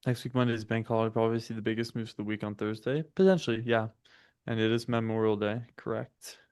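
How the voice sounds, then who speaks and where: He's a fast-talking day-trading stream host, raised in the States with French as his native tongue, who methodically calls out setups and price levels while chatting with viewers between charts. His voice sits on the low side, smooth and a little mellow, with fairly even intonation. Clean studio sound, no room noise.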